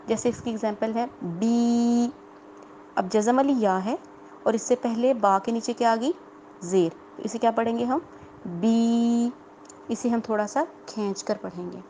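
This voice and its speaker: A woman teaching a tajweed lesson, explaining rules patiently, repeating them, quizzing her students and drawing out the example words slowly. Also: fairly high pitch, mellow, slight background noise, poor audio. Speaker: Quran recitation teacher.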